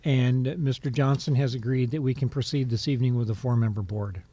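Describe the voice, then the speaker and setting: Mellow-voiced man chairing a meeting. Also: medium pitch, fairly even intonation, brisk. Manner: informal, hesitant, lots of um and restarts. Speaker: board chair. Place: town hall meeting room.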